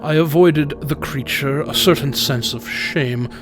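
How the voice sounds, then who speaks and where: A man playing a tormented narrator confessing dark deeds in a theatrical, formal, deliberate reading of a gothic horror story. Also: fairly high pitch, close to an everyday voice. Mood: bitter, disgusted. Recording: music behind the voice.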